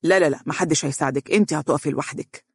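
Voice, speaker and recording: Reader doing a gentle young male doctor with an Egyptian accent, measured and soothing, dry audiobook sound. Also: mid-range voice, vocal fry, slightly rough, no room sound. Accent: Egyptian Arabic. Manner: soft, reassuring, measured.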